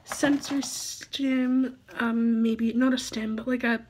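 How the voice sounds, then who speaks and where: A woman's voice: a little high, fairly even intonation, slow pace, a little mellow, slight background noise. A teenage girl vlogging casually, chatty and giggly, rambling as she shows off her things. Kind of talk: casual show-and-tell.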